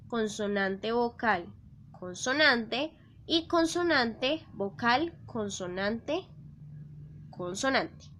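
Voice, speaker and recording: A woman's voice: a little high, a bit bright, a little hiss or hum. A young woman teaching an online language class, explaining rules patiently and checking in with her students. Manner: patient, repeats key points and checks in with "¿listo?".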